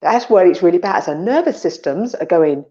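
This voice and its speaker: A woman's voice: on the low side, animated, normal speed, dark tone, highs cut off. A woman co-hosting a casual podcast chat, talking animatedly and acting out her inner voices, with some swearing. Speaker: podcast co-host.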